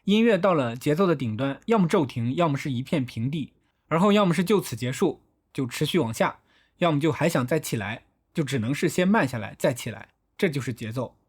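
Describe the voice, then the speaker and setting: A husky-voiced man narrates a film breakdown at a brisk clip, his voice sitting a little high. He works through each shot step by step, methodically explaining what the director is doing. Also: animated. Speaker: film analysis host.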